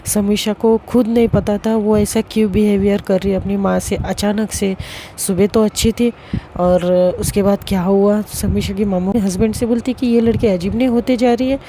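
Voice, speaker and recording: Slow, mellow young woman storyteller. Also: medium pitch, a little hiss or hum. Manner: slow, deliberate, with frequent restarts. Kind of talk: serialized story narration.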